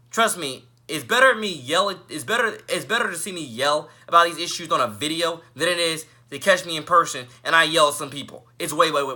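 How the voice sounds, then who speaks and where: A young man from Northeast Florida delivering a passionate, preachy rant to camera in an emphatic, anchor-like delivery. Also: fairly high pitch. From Northeast Florida, United States. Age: young adult. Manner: emphatic, repeats "ladies and gentlemen", anchor-like delivery. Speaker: vlogger.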